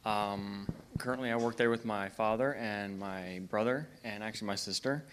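Quiet young man from Maryland. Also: lowish voice, moderate pace, smooth. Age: 20s. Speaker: panelist, family farmer.

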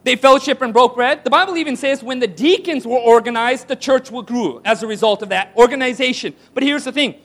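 A man's voice: very high voice, fairly quick, hardly any pauses, a bit bright. A man preaching a sermon to a congregation, asking rhetorical questions and calling for responses. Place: church hall with audience.

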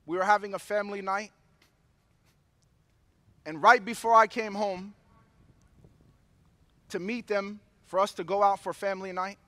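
Very high-voiced, bright male preacher. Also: steady tone, unhurried, long pauses, no room sound. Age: adult father of young children. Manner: impassioned preaching mixed with personal storytelling. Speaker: pastor. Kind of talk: sermon.

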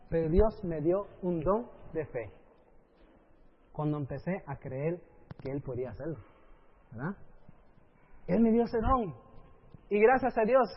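A man's voice: very high voice, husky. A middle-aged male preacher giving a sermon, keeping the crowd engaged with constant "right?" questions and English phrases dropped into his speech. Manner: keeps asking the audience "right?", with rhetorical questions. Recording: dull lo-fi sound with faint hiss.

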